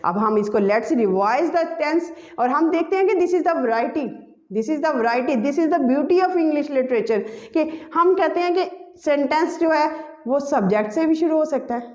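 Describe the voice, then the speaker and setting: A high-pitched woman teaches a grammar lesson, patiently spelling out each rule and repeating the key words for her students. Her voice rings through an echoey room. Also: expressive, a little slow, darkish tone. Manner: explains step by step, repeats key terms, addresses students directly.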